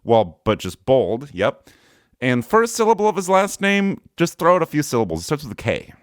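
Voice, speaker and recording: A man's voice: fairly high pitch, wildly swooping pitch, normal speed, clear, resonant tone, no room sound, studio quality. A man hosting a podcast, joking around in casual chat and giving playful word clues. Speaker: podcast host.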